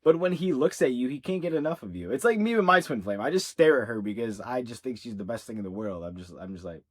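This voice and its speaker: A man's voice: mid-range voice, lively intonation, quick pace. A man in a middle register gives a channeled spiritual reading straight to his viewers. His tone is earnest and reassuring. He speaks casually and circles back to the same phrases for emphasis. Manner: conversational with fillers like "like" and "yeah". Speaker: ascension coach.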